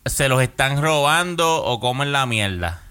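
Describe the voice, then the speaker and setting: A man's voice: mid-range voice, animated, normal speed, pushed and bright, clean tone. A man with a Puerto Rican accent co-hosting a podcast in an informal, slangy way. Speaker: podcast co-host. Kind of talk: casual chat with ad reads.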